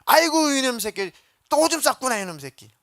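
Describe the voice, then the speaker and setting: A male preacher slips into a middle-aged countrywoman who scolds a small bedwetter with loud, teasing laughter. Her voice sits high and shrill, far above his own. The sound is crisp and bright. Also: sing-song, a little fast, no room sound, clean studio sound, full character voice.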